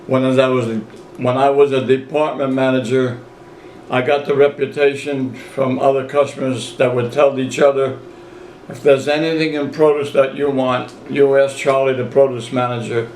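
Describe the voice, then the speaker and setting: A man's voice: mid-range voice, level tone, normal speed, darkish tone, a little hiss or hum. Elderly man reminiscing, roomy sound. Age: 80s. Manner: folksy storyteller, repeats phrases and acts out quotes. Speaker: interviewee, grandfather reminiscing. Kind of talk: casual reminiscing interview. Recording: roomy, echoey home recording.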